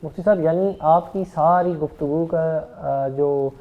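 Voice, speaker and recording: A man's voice: on the high side, narrow, tinny audio. A man with a Pakistani Urdu accent, hosting a religious TV talk show, agreeing with the guest and asking him questions. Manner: affirming, asks questions to the guest. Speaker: TV host.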